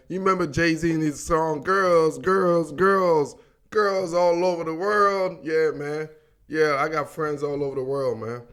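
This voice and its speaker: A man's voice: medium pitch, a bit bright. A man from Africa hosting a sports podcast, talking casually and animatedly in slang and laughing often.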